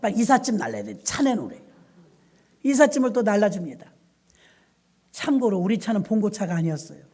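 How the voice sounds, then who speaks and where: A middle-aged woman pastor delivers a storytelling sermon. She recounts church anecdotes in a lively, conversational way and briefly acts out the voices of the people in them. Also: mid-range voice, brisk, pauses often, slightly rough.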